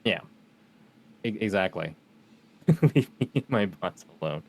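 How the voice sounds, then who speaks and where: Laid-back lower-voiced guy, laughing often. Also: lively intonation, a little slow, a little mellow. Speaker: podcast guest, streamer. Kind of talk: casual chat.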